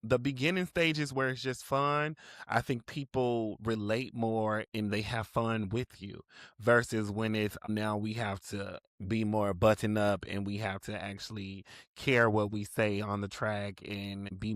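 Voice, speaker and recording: A man co-hosting a casual podcast, talking in a relaxed, wry way that often trails off and restarts. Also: lowish voice, a little slow, dry recording, clean studio sound. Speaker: podcast co-host. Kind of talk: casual chat.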